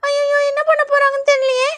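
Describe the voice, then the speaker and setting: A woman voicing a frightened, whiny little schoolgirl in a doll play, wailing high. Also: monotone, quick pace, a bit bright. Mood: scared.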